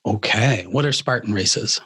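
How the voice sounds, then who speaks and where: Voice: medium pitch, moderate pace, fairly bright tone. A podcast host who asks brief questions and backs the guest with short acknowledgements. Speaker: interview host. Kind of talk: podcast interview.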